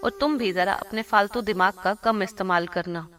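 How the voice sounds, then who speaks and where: A woman's voice: medium pitch, normal speed, distant mic, natural voice. Woman doing an irritated cartoon husband. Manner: scolding, irritated. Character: irritated young husband, office worker. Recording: cartoon voice over loud music.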